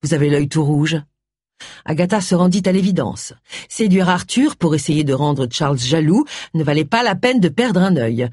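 Expressive audiobook reader, lively delivery. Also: medium pitch, moderate pace, no room sound, clean studio sound. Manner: expressive, voices every character. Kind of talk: scripted narration.

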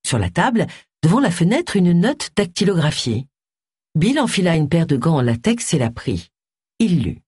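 A woman narrating an audiobook in an expressive, varied reading style. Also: fairly low pitch, moderate pace, breathy edge, no room sound, clean studio sound.

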